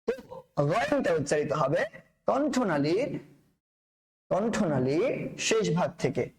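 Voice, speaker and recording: A man's voice: high-pitched, sing-song, takes it slowly, low-quality recording. A man teaching the pronunciation of Arabic letters, drilling each letter by repeating it and addressing the learner as sir, with playful asides. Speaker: Quran reading teacher.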